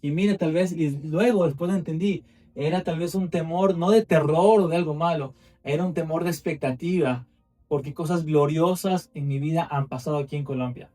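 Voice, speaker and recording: Young man preaching, fervent and repetitive, fairly high voice, dark mellow tone, heard from a distance. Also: moderate pace. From Ecuador. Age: 20s. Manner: fervent, repetitive phrasing with rising emphasis. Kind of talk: sermon. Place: church.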